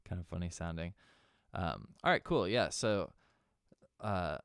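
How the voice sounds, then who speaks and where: A man's voice: low-pitched, lively intonation, measured pace, very noisy. A young man, a music producer, talks through a synth tutorial in a loose, conversational way with plenty of fillers. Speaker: music producer teaching synth sound design. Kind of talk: casual software tutorial.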